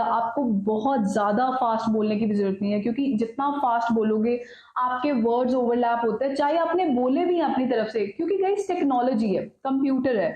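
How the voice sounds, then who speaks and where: A woman's voice: sits high, lo-fi sound. Woman coaching in an echoey room. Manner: direct, advising, addresses viewers as guys. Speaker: PTE exam coach. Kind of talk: instructional talk mixing Hindi and English.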